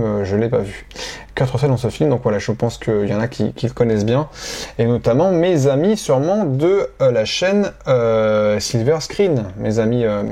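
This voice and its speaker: A man with a warm, mellow voice chats casually about items from his collection. He talks off the cuff, often pausing to search for words and restarting sentences. His pitch sits in an ordinary middle range. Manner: hesitant, many filler sounds and restarts. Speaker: collector presenting his purchases. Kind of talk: casual unscripted show-and-tell.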